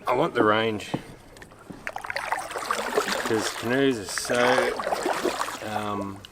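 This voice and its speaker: A man's voice: fairly low pitch, steady tone, drawn-out words. A man chatting casually and laughing easily while out on a kayak camping trip. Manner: chatty, laughs often, jokey. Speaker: vlog host. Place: outdoors on a lake. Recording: loud outdoor noise, water and paddling.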